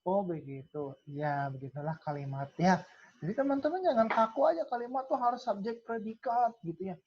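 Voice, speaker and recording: A woman's voice: mid-range voice, very animated, a little fast, slightly rough. A woman tutor teaching an online class, filling her talk with "nah" and asking and answering her own questions. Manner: calls herself Kakak, many "nah" fillers, asks and answers own questions. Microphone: video call. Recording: lo-fi video call audio.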